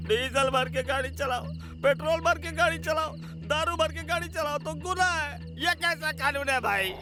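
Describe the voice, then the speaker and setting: In a dubbed film, a drunk man with a very high voice who rambles through his complaints and swears he is telling the truth. Film music plays underneath. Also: moderate pace. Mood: grumbling. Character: tipsy man swearing he saw a ghost.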